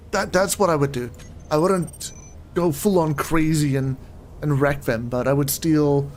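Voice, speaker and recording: A man's voice: sits high, a little hiss or hum. A young man streaming a game, chatting in a rambling way and often getting puzzled, recorded on a desk microphone at home. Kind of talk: casual live-stream chat while playing.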